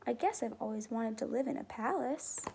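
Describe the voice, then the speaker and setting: A woman voicing an innocent, wondering little toy bear from a storybook in a gentle storytime voice. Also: a little high, expressive, normal speed, creaky, a little hiss or hum.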